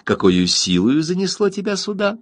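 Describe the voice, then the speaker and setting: A man doing teasing young harem women, high falsetto. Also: very animated, normal speed, no echo. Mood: playful. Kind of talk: audiobook character reading.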